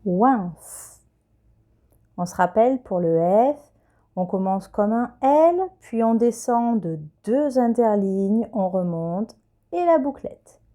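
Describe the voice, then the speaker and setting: A woman teacher, giving a patient, clear dictation lesson to young children and spelling letters one by one. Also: fairly high pitch, expressive, slow pace, mellow. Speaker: primary school teacher.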